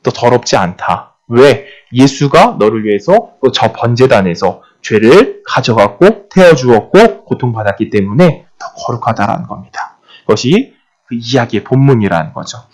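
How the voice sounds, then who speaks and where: A man preaching a sermon, his pitch rising and falling in a lively, animated way. He keeps asking rhetorical questions and repeats key phrases to drive each point home. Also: moderate pace.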